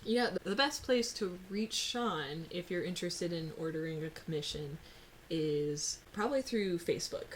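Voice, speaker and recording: A woman co-hosting a relaxed audio chat, teasing her partner in a playful, chatty way. Her voice sits a little low for a woman, with faint noise in the background. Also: moderate pace, low-quality recording. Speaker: co-host. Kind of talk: casual chat.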